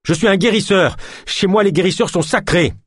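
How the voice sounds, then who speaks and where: A man's voice: sits high, brisk, slightly rough, no room sound, studio quality, voice pushed up. A man voicing a captured young healer who pleads and cries out in pain. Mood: desperate. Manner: pleading, crying out.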